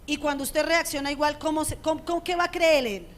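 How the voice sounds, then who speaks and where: Lady pastor, middle-aged, strong high voice, chatty sermon style, asks the crowd "right?". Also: a little fast. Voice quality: strong, loud voice. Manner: conversational preaching, frequent rhetorical checks with the congregation. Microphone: radio studio microphone.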